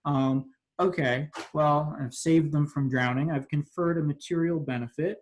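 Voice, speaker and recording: A man's voice: fairly high pitch, steady tone, normal speed. A young man, a law student, explaining contract law in an informal video lesson, talking casually with frequent fillers and restarts. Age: young adult.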